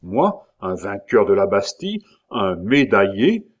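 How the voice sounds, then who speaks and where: A man's voice: fairly low pitch, big pitch swings, a little slow. A man reading aloud and voicing a boastful but hesitant young man in an audiobook. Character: boastful, wary young man back from the city.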